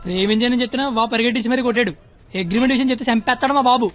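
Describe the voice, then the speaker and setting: A man's voice: extremely high pitch, very fast, soft background music. An actor playing a boastful young man in love, in film dialogue.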